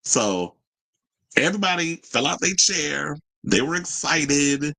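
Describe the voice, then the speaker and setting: A man's voice: a little high, lively intonation, slow pace, gravelly, bright, forceful tone, no room sound, poor audio. A man giving casual reaction commentary in a colloquial way, retelling what people said and acting out their quotes. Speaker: commentator recapping a reality show and reading viewer reactions.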